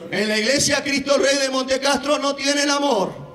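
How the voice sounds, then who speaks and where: A man's voice: normal speed, roomy sound, far from the mic, a crowd in the background. A preacher mocking a sulky offended woman. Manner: mocking, lowered and muttered.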